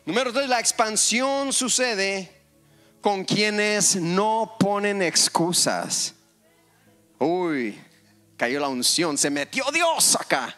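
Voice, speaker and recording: A male pastor preaching a lively sermon in a church, joking with the congregation and calling for amens. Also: high-pitched, takes it slowly, faint music behind. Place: church hall.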